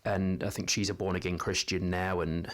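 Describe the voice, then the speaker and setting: Kiwi guy in his 40s rambling on camera, lowish voice, lots of ums. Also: level tone, moderate pace, slight background noise. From New Zealand. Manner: hesitant, many ums and restarts. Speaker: vlogger. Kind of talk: casual spoken monologue.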